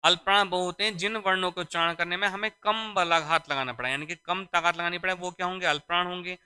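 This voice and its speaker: A man's voice: high voice, fairly even intonation, fast talker, bright, forceful tone, smooth. A man teaching a Hindi grammar lesson for exam preparation, repeating key phrases and quizzing his students. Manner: addresses students as "beta". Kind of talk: exam-prep classroom lesson.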